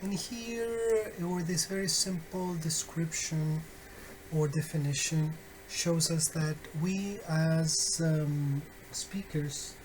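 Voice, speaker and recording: Slow, patient male phonetics teacher. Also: on the high side, slight background noise, low-quality recording. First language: Spanish. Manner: slow, patient, many "uh" fillers and "okay?" checks. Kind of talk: recorded online lecture.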